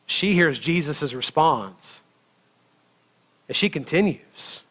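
Male pastor, slightly high voice, conversational sermon delivery with frequent audience check-ins. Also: slow. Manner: conversational, asks the congregation "right?" often; lively storytelling, laughs between phrases.

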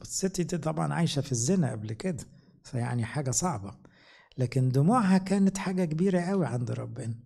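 A middle-aged man with an Egyptian Arabic accent, a priest giving a conversational sermon and slowing down to read scripture. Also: medium pitch, creaky, dark tone, breathy edge. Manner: conversational preaching with slow scripture readings.

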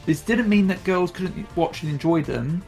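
Higher-voiced young man hosting a casual discussion. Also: expressive, moderate pace, gravelly, darkish tone, soft background music. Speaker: review show host.

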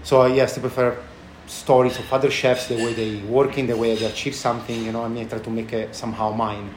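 A man with a thick Italian accent giving casual interview answers in halting, non-native English phrasing. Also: mid-range voice, level tone. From Italy. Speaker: chef and restaurant owner being interviewed. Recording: echoey room with background noise.

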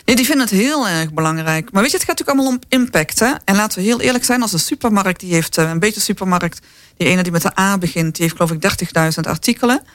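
A man from the southern Netherlands speaking in a panel discussion, lively and full of fillers and rhetorical tags. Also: high-pitched, fast talker, no echo. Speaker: company representative.

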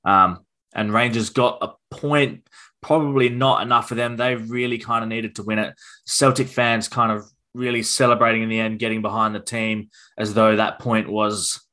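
A man's voice: on the low side, normal speed. A man co-hosting a casual football podcast, thinking aloud with plenty of ums and restarts. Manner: relaxed, thinks aloud with fillers. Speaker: podcast co-host.

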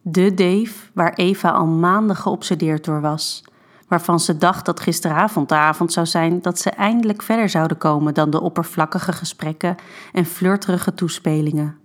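A woman narrating an erotic short story in a calm, intimate storytelling manner. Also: fairly low pitch, moderate pace.

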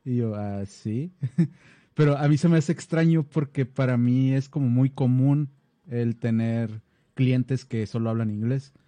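A man's voice: medium pitch, fairly even intonation, a little slow, mellow, dry recording. A man from Baja California with a northern Mexican accent, chatting casually as a podcast co-host. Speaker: podcast co-host, software developer. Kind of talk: casual conversational chat.

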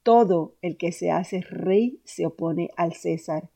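A woman's voice: fairly low pitch, slow pace, vocal fry, warm tone, slightly rough, heavily acted. A woman voicing a hostile crowd of men pressing an accusation, in an insistent way. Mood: accusing.

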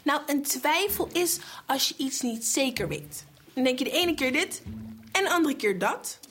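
A woman telling a Bible story to children, animated, asking them questions, voicing sound effects and dropping into whispers. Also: high-pitched, moderate pace, faint music behind.

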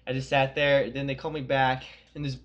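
A man's voice: mid-range voice, flat delivery, brisk, lo-fi sound. A young man co-hosting a podcast, telling rambling, profane stories in casual chat. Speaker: podcast co-host.

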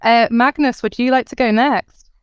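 A woman's voice: fairly high pitch, fairly even intonation, moderate pace, clear, resonant tone, dry recording, dull audio. A woman hosting a podcast, reading the intro and handing over to guests in a friendly way. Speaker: podcast host.

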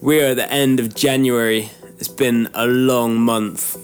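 Casting note: man, mid-pitched, plain host voice, steady and matter-of-fact, music bed behind. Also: a little slow. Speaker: radio show host. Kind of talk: casual radio chat.

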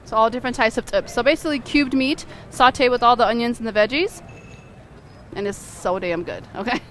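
A woman's voice: fairly high pitch, brisk, a bit bright, slight background noise. A woman who owns a restaurant, explaining her dishes in an upbeat, chatty way and laughing easily. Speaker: restaurant owner. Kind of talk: casual food explanation on a show segment.

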